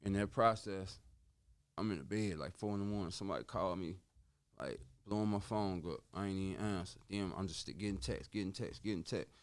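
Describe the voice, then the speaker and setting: A man's voice: sits low, brisk. A man guesting on a podcast, telling a long story in a casual, profane, slang-heavy way and acting out the voices of the people in it. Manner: animated, profane, slangy, acts out quoted voices.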